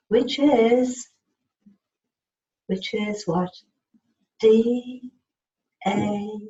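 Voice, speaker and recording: Speaking in a fairly high, slightly mellow voice, a woman supports a student's spelling and writing as a communication support worker. She stays patient, spelling letters aloud and giving short words of encouragement and instruction. The video call audio comes from a far-off computer mic indoors, sounding dull, roomy, distant and noisy.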